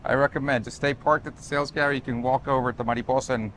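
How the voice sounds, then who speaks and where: A Chilean developer talks very fast in a medium-pitched, fairly bright, evenly intoned voice, pitching his property casually but emphatically. He often repeats and restarts his phrases while walking a city street and a building site, with traffic audible.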